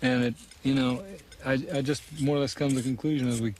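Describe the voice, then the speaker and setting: A man talking casually and unscripted in the field, a bit halting as he thinks aloud. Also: medium pitch, steady tone, darkish tone.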